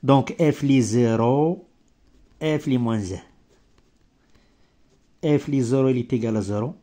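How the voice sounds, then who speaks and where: A man with a mellow, dark voice of medium pitch gives an improvised maths lesson. He is not a native French speaker and talks slowly in halting, broken French, often searching for a word and making small grammatical slips. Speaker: maths teacher.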